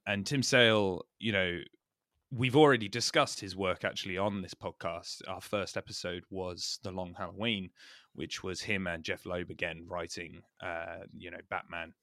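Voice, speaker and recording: Man, deep croaky hoarse voice, podcast host, bright forward tone, hesitant casual talk, close dry sound. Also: no room sound. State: hoarse after a recent illness.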